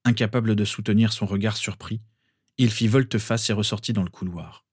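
A man calmly narrating a story aloud. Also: fairly low pitch, fairly quick, husky, no echo, studio quality. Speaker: reader. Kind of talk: audiobook narration.

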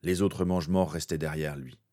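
Deep voiced guy reading fanfic aloud, steady and dramatic. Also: normal speed. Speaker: narrator. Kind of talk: fan fiction reading.

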